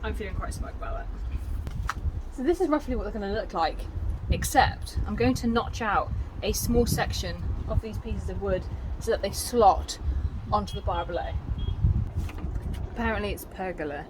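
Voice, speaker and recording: A woman talks her way through a home DIY job out on a garden deck, chatty and practical with wry little asides about her own slips. Her voice sits at an ordinary middle pitch. Steady outdoor noise and the odd passing vehicle run under the recording. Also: normal speed. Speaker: DIY vlogger. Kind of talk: casual vlog narration while working.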